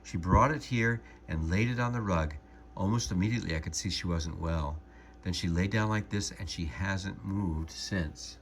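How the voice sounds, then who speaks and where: A man voicing a kind, worried older woman who owns a cat, in a soft, trembling voice, reading a storybook aloud. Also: low voice, normal speed, slight background noise. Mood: bewildered.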